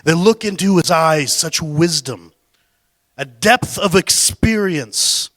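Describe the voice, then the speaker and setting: A man delivers a storytelling speech, dramatic and shifting between booming lines and near-whispers. His voice sits somewhat high, and the sound is dry and close. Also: no room sound. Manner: dramatic, swings between loud and hushed. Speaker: public speaker.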